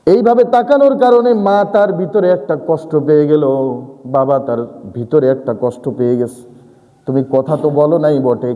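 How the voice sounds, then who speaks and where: A man preaching a sermon, quoting Arabic verses and explaining them in rustic everyday speech, swinging from loud scolding to hushed reverence. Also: phone-quality sound. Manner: emphatic, rising to loud scolding outbursts then dropping low. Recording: long hall reverb.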